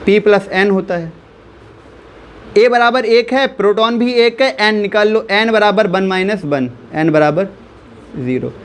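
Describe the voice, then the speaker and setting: A high-voiced man from India walks through a chemistry lesson, deliberately slowing to lay out each value in sequence while questioning his listeners and repeating key terms. There's a faint hiss or hum in the recording.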